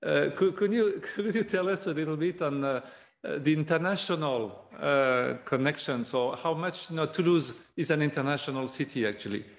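A man's voice: fairly high pitch, normal speed. Man politely moderating a roundtable. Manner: polite, hesitant questioning with fillers. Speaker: panel moderator.

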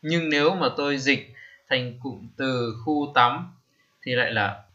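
A man, teaching vocabulary slowly, repeating each term and pausing with many fillers. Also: medium pitch, sharp tone, muffled recording. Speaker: English teacher. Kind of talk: screen-recorded lesson.

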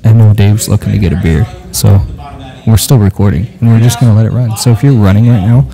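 A man's voice: on the low side, steady tone, quick pace, gravelly, music in the background. Chatty male podcast host at a banquet. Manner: upbeat, chatty, lots of fillers. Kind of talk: casual chat. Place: banquet hall at a running club dinner.

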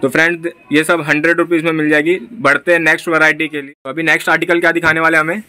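Rapid-fire and level, this man's high-leaning voice is bright and forceful, captured in a dry recording. He has an Indian accent and hosts a market shopping vlog indoors at a small clothing shop, where he interviews the seller, repeats the replies, and addresses viewers.

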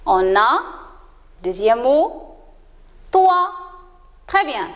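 Slow, encouraging woman teacher. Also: high voice, sing-song, long reverb tail. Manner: slow, clear, encouraging, praising pupils often. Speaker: primary school teacher. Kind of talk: reading lesson for young children.

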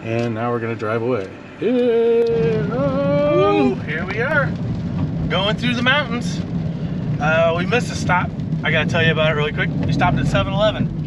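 A man's voice: high voice, animated, normal speed. A man casually narrating a road trip vlog while driving, rambling and joking with frequent laughs. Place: inside a moving car. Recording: distant voice, loud road noise.

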